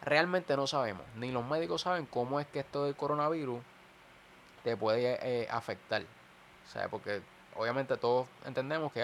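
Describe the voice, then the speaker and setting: A man's voice: medium pitch, a bit bright, slight background noise. A man in a casual chat, telling a story animatedly and acting out the people in it.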